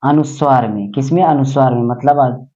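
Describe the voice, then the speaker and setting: A man teaching a grammar lesson with a dark, mellow voice. He repeats words and keeps asking the class questions. The sound is dull and lo-fi. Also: mid-range voice, moderate pace.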